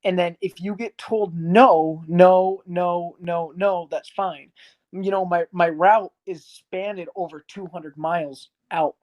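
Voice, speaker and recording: A man in his early twenties who owns an arcade chats casually as an interview guest, his high voice moving slowly with fairly even intonation. He's frank and rambling, using plenty of fillers.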